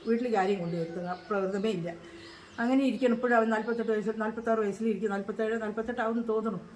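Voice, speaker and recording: Older woman, care home resident, grieving and halting, quick speech, faint background hum. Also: on the high side, fairly even intonation, darkish tone. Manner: halting, grieving, repeats herself. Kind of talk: emotional interview.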